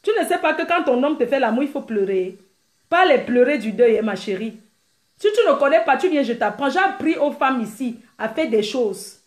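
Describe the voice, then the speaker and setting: Brash, teasing female stream host with a high voice, recorded in an echoey room. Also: moderate pace. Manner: brash, teasing, laughs often; animated, mimics crying sounds. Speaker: live-stream host answering viewers. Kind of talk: casual live-stream chat.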